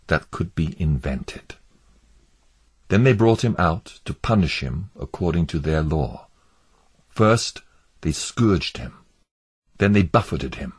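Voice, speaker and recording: A man narrating an allegorical story in a measured, dramatic storytelling manner. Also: deep voice, breathy edge.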